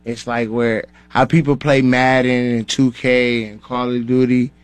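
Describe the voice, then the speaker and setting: A man's voice: mid-range voice, level tone, a little slow, clean tone, no room sound. A male rapper in his thirties, a radio guest from Minnesota, talking casually and laid-back with lots of slang. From Minnesota, grew up in Atlanta. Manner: laid-back, slangy, says "you know what I'm saying" often. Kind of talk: casual interview.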